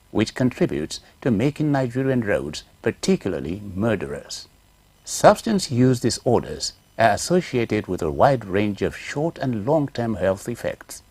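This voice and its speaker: A man narrating a scripted documentary report in a lively, emphatic reading style. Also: lowish voice, slightly rough, no room sound.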